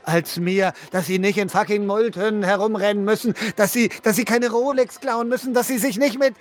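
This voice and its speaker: A man's voice: high voice, steady tone, normal speed, lightly acted. An actor playing a young father who stammers and pleads heatedly, defending the respectable life he has built.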